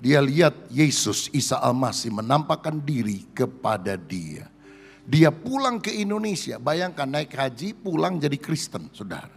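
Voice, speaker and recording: A male pastor preaching a sermon, telling stories to his congregation and often calling them brothers and sisters, with big swings in pitch and loudness. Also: sing-song, measured pace, vocal fry, slightly rough, in a large hall.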